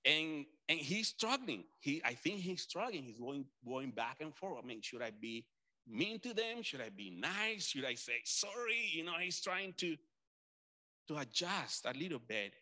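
Restarts and asides punctuate the conversational sermon of a Colombian-accented pastor from the country's Caribbean coast, who tells stories with animation. He speaks at a measured pace in a voice on the high side.

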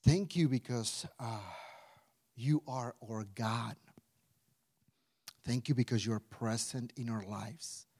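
Speaking slowly with long pauses, a Mexican pastor in his forties uses a mid-range voice and a Mexican Spanish accent. His sermon is casual and includes a prayer, and he stays animated and chatty, often restarting and tossing in "right?"

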